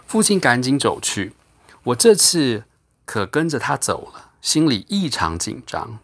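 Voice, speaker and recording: Brief: male storyteller, animated and measured narration. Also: medium pitch. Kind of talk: scripted audiobook narration.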